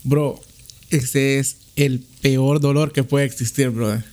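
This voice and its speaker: A man telling a casual story, animated and repeating "brother" often. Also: medium pitch, slow pace.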